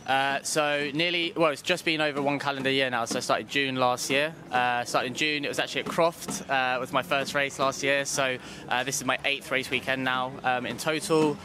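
A man in his thirties, an amateur racing driver, gives a relaxed interview into a handheld mic in a paddock awning tent. He speaks at normal speed in a steady, medium-pitched tone with few pauses, with background noise around him.

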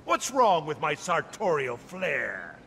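An actor playing a gleeful, mocking villain clown with sadistic wit and a theatrical, teasing delivery in a video game. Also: male voice, fairly high pitch, huge pitch swings, slow, pushed and bright, slight background noise, full character voice. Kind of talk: video game character dialogue.

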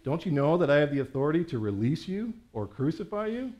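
Guy reading as a rattled roman governor, voice pushed up higher, pleading questions at a crowd in a church reading. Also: big pitch swings, fast talker, a little mellow.

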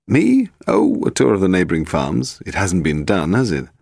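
A man reading an audiobook voicing a charming, breezy gentleman detective. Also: deep voice, wildly swooping pitch, vocal fry, no echo, clean studio sound, heavily acted. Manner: charming, light, quick.

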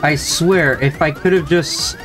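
A man's voice: on the high side, steady tone, slow pace, a bit bright, soft background music. A man casually commenting on a video game as he plays, easily frustrated and swearing often. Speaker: let's play gamer.

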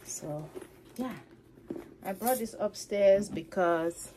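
A woman vlogging from her home, chatting casually to camera about her handbags in an animated, playful way. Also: medium pitch, takes it slowly, a little hiss or hum. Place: her home, upstairs room.

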